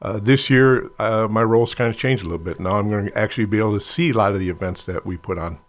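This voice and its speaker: A man chats as a guest in a casual interview, easygoing and full of filler words. His voice sits a little low. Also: fast talker. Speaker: festival ambassador, guest.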